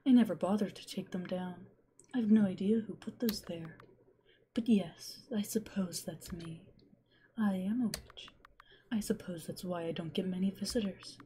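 A woman voicing a lonely, motherly witch in a gentle half-whispered voice, as whispered role-play. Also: on the low side, moderate pace, slight background noise, close to an everyday voice. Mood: tender.

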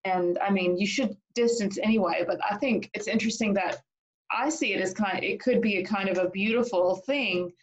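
A young woman chats as an interviewer on a video call. Her voice is medium in pitch, and her style is casual and conversational. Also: normal speed, lo-fi sound. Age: young adult. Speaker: interviewer, host. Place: indoor kitchen at home, video call.

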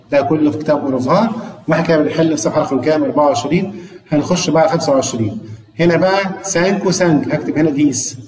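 A man's voice: a little high, darkish tone, echoey room, big-room sound, distant mic, low-quality recording. A man with an Egyptian Arabic accent teaches an online French lesson, counting aloud and explaining each exercise step by step.

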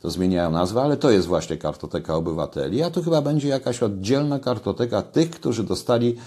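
An older man with a fairly low voice talks casually into a webcam at home. He speaks conversationally and lifts his voice when stressing a point. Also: expressive, fast, warm tone, slightly rough. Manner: conversational, rising emphasis on key points. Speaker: commentator. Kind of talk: casual commentary to camera. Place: home kitchen, indoors. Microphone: webcam at desk.

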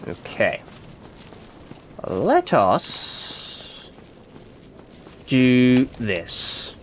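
A stuffy-nosed man talks his way through a game in a slow, unhurried, casual commentary, his pitch jumping about lively as he mutters to himself. Faint game sounds sit quietly behind his voice. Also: a little hiss or hum. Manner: chatty, muttering to himself while playing. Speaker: gameplay commentator. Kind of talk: casual let's-play commentary.

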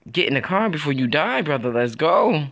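A young man giving casual, excitable gameplay commentary, trash-talking and laughing as he plays. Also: fairly high pitch, moderate pace. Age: young adult. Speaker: gaming YouTuber.

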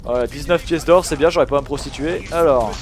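A man giving excitable gameplay commentary, swearing and shouting at the game as he plays. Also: fairly high pitch, fast, over loud music. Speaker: gaming video host.

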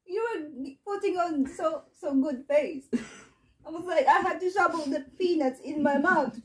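A high, light female voice, teasing and apologetic in a relaxed family vlog. She giggles easily between lines. She sits a bit back from the microphone in a bedroom at home. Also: a little slow, recorded from a distance. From Philippines. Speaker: vlogger and mother. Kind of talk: casual family chat. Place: her son's bedroom at home.

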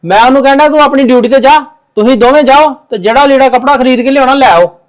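A man's voice: extremely high pitch, fast. A man playing a touchy, stubborn younger son in a family drama, arguing and sulking. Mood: sullen. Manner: argumentative, sulky. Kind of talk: Punjabi family drama acting.

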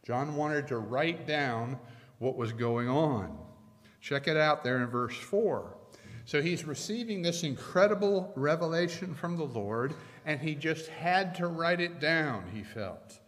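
A middle-aged man preaching a sermon from a pulpit, measured and emphatic, leaning hard on key phrases. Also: fairly high pitch, expressive. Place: church sanctuary at a pulpit. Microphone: pulpit microphones. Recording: long church reverb.

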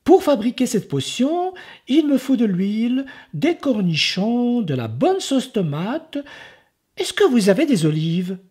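A man reading a children's story, voicing a clever, sly little boy with a high, innocent, eager voice. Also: big pitch swings, unhurried, mellow, slightly rough, exaggerated voice. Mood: sly cheerful.

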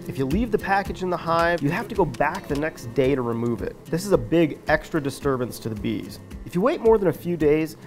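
A middle-aged man with a Midwestern American accent giving clear, practical step-by-step beekeeping instructions as a scripted narration. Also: mid-range voice. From United States.

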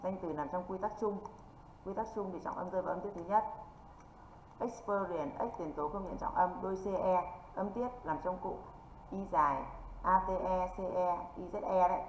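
A northern Vietnamese woman teaches an exam-prep English class, drilling rules and tossing quick check-in questions at her students. Her voice sits a little low. The sound is echoey and dull, with faint hiss behind it. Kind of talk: online exam-prep lesson.

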